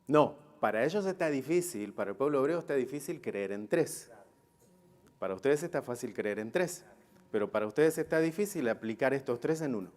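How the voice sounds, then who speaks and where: A man from Israel teaches a Bible class in a didactic style, asking rhetorical questions and often checking that his listeners are following. His voice is medium-pitched and darkish, with lively intonation and a slightly quick pace.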